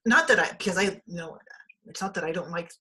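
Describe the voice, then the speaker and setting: A woman from Denmark hosting a spiritual podcast interview, talking in a halting way with many restarts and fillers. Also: on the low side, animated, sharp tone. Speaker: podcast host. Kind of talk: casual conversational interview.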